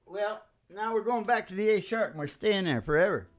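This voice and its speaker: An older man with a high-pitched, brisk voice hosts a music show, chatting and telling stories between songs. He rambles and jokes in a folksy way, laughing often, as live acoustic guitar plays in the background.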